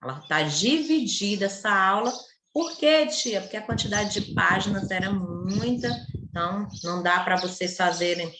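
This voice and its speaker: A woman's voice: medium pitch, moderate pace, noisy background. A woman teaching an online primary school class, chatty and playful, tagging her sentences with "né?" and repeating words for emphasis. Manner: playful, self-mocking asides. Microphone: computer or phone mic for an online class. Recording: echoey room.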